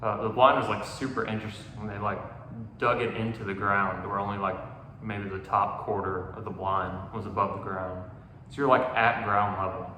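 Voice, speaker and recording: Young man with a bright, echoey voice. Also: lowish voice, level tone, normal speed. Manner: rambling, many "like" and "um" fillers. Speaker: podcast host. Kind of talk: casual hunting story chat. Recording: echoey room with long reverb, faint noise.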